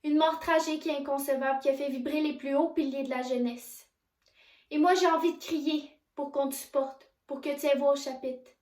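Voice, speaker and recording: High-voiced young woman reciting solemnly. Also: fairly even intonation, normal speed, darkish tone, echoey room. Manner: solemn, addresses the listener directly. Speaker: monologue performer. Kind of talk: recited dramatic monologue.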